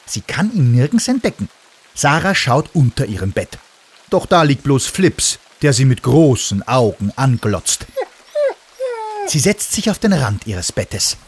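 A man reading a children's story aloud in an expressive, animated way. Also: medium pitch, measured pace, a little hiss or hum.

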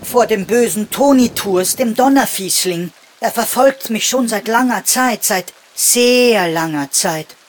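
A man voicing a tiny, ancient lightning sprite who is boastful and quick to take offense. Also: high-pitched, slight background noise, pitched above the performer's own voice. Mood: pleading.

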